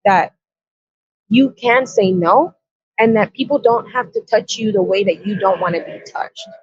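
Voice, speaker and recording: A woman's voice: medium pitch, a little slow, husky, no room sound. A woman guest on a podcast telling a personal story with blunt, earnest, profane reported dialogue. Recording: dull, dry lo-fi sound.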